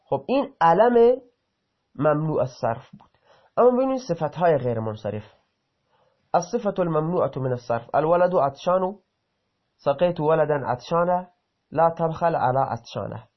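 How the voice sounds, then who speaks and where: A man's voice: a little high, expressive. A man teaching an Arabic grammar lesson, reading example sentences aloud and then explaining them, sometimes breaking off to correct himself. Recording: dull lo-fi recording.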